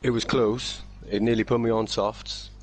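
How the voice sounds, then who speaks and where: A man, excitedly describing his first race win in a post-race interview. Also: on the low side, normal speed, crowd noise. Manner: excited, repeats himself. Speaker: race winner.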